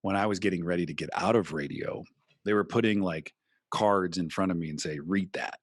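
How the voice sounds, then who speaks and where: A man's voice: low voice, a little fast, no room sound, clean studio sound. A man, a former radio host, talking casually and animatedly as a podcast guest. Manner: animated, talks in long stretches, acts out quotes. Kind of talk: casual interview chat.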